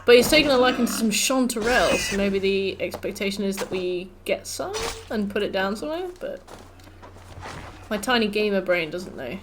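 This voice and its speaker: A woman's voice: medium pitch, lively intonation, normal speed. British woman streaming a game, noisy background. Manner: chatty, jokey, reactive. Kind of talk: casual gameplay commentary. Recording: background noise, game ambience. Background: video game sound.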